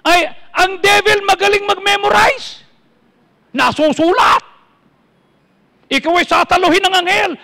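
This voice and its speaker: A man's voice: very high voice, fairly even intonation, normal speed, creaky, hardly any pauses, a loud crowd. A man with a Filipino accent preaching a sermon as pastor, quoting scripture and putting questions to his congregation. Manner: preaching in mixed Tagalog and English, quoting verses, asking the congregation questions. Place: church. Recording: long church hall reverb.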